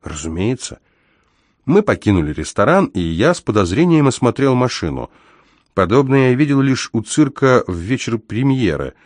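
A man reading a first-person adventure story as an audiobook narrator, measured and even. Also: mid-range voice, no echo, studio quality.

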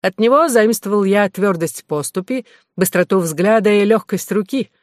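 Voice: animated, normal speed, no echo, lightly acted. A preening, pompous knight who dresses every sentence in florid courtesy, put on by an audiobook reader. The voice is lifted well above the reader's own and swoops with showy emphasis. The sound is dry and close. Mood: mocking, pompous. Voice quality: mannered, high-flown, pompous phrasing. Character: affected, pompous English knight, grown man, fussy and florid. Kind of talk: audiobook reading.

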